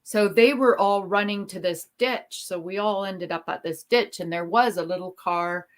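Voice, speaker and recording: A middle-aged woman hosts a livestream, chatting casually at a moderate pace in a medium-pitched voice. She tells stories in a rambling, talkative way, with lots of ums.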